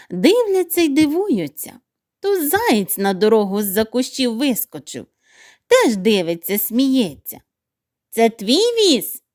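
Lively woman reading a fairy tale. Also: on the high side. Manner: expressive, sing-song. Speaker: storyteller. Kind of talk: children's audiobook narration.

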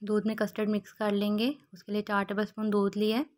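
Woman cooking host, steady monotone voice-over, calm short recipe steps. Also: mid-range voice, fast.

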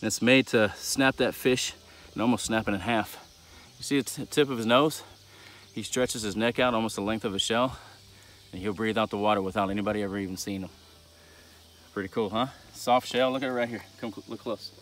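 A man, chatting excitedly to viewers about a catch while standing on a riverbank outdoors, recorded on a chest-mounted camera. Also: lowish voice, a little fast. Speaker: fishing vlogger. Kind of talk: casual outdoor vlog. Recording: outdoor recording with faint nature noise.

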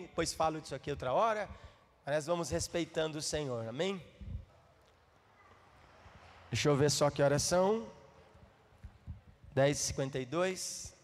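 A Brazilian man preaching as a pastor, speaking in an animated way and teasing and coaxing his congregation. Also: a little high, moderate pace, pauses often. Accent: Brazilian Portuguese. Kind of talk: sermon. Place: church hall. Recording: reverberant church hall.

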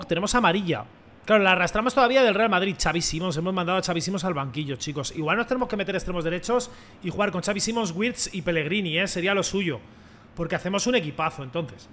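A young man commentating his own football video game match, chatting in slang with viewers and shouting when goals come. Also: sits high, a little hiss or hum. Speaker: gaming streamer. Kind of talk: let's play commentary.

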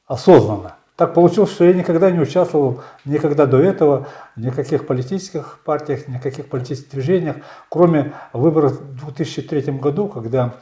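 A man in his sixties, a candidate answering interview questions in a measured storytelling way, often pausing with fillers. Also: a little high, dark tone, reverberant. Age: 60s. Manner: measured, storytelling, frequent hesitations. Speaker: election candidate. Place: small bright studio.

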